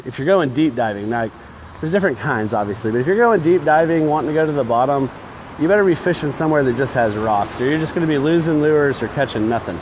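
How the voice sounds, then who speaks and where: A man chatting casually and informally as he hosts a fishing livestream from under a bridge, rambling and offering modest opinions. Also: mid-range voice. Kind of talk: casual chat while fishing. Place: outdoors under a concrete bridge by a creek. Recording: noisy outdoor phone recording under bridge.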